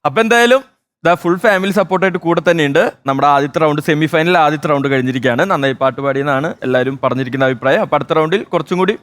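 Fast, high-voiced male show host. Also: a bit bright. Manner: chatty, prompting contestants. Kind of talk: TV reality show hosting.

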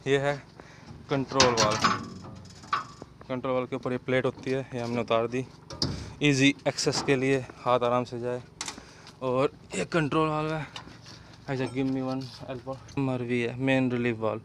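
A man's voice: mid-range voice, level tone, normal speed, background noise. A man, an excavator mechanic, explains a hydraulic repair step by step at an outdoor worksite and calls short commands to a helper. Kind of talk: hands-on repair demonstration.

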